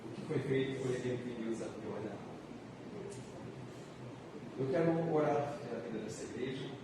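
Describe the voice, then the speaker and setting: A man with a Brazilian accent preaching a church sermon as a pastor, repeating phrases with drawn-out emphasis. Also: mid-range voice. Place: large reverberant church room. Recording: echoey hall, distant mic, noisy.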